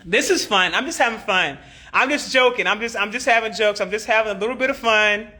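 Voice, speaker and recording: A brash woman chatting live with her viewers as a spiritual teacher, swearing and clowning. Her voice is bright and sharp, with a tense edge. She tends to repeat a line several times before moving on. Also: a little high, fairly quick. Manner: profane, joking and animated, repeats phrases, laughs often. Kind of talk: casual livestream talk answering comments.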